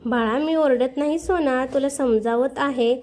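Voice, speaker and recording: A woman's voice: high voice, steady tone, normal speed, dark tone, natural voice. A woman voicing a patient young stepmother who soothes and explains to the children. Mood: coaxing.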